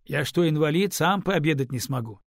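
A man's voice: fairly high pitch, expressive, fairly quick, dry recording, clean studio sound, voice pushed up. A man voicing a curt, mildly mocking male university student in an audiobook. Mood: teasing. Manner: curt, teasing.

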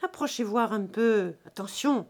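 A woman's voice: mid-range voice, lively intonation, measured pace. Woman voicing a rowdy drunken peasant man. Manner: loud, rowdy, jovial bellowing. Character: boisterous drunken middle-aged peasant man, crude joker.

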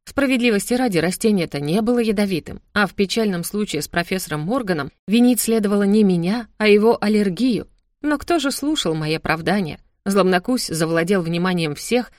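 A woman reading a comic fantasy novel aloud in the first person, with a lively, wry, embarrassed storytelling manner. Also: mid-range voice, fairly quick, no echo, clean studio sound. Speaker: audiobook narrator. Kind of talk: first-person audiobook narration.

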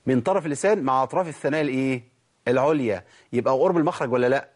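A man with an Egyptian Arabic accent teaching Quran recitation, asking and answering his own questions and drawing out slow recited examples. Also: medium pitch. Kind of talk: tajweed lesson.

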